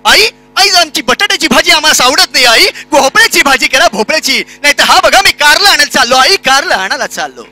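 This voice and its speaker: A man doing a booming historical-drama hero. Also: lively intonation, brisk, hardly any pauses, bright, forceful tone, full character voice. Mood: melodramatic. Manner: melodramatic, booming. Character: pompous shouting man in a historical stage play.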